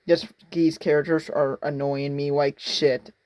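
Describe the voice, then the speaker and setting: A man's voice: a little high, flat delivery, a little slow, background noise. Sarcastic young man mocking a movie. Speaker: reaction video host. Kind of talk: casual movie commentary.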